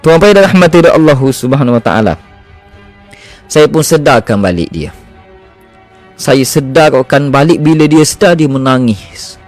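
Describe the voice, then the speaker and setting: Seorang lelaki beloghat Melayu Malaysia, seorang perawat ruqyah, bercerita secara langsung kepada penontonnya. Suaranya agak tinggi dan nadanya sangat beralun. Cara bercakapnya bersemangat dan ekspresif. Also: male voice, fairly high pitch, a little slow, long pauses, soft background music. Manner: animated and expressive, often addressing listeners. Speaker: Islamic healer (ruqyah therapist). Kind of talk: livestream storytelling.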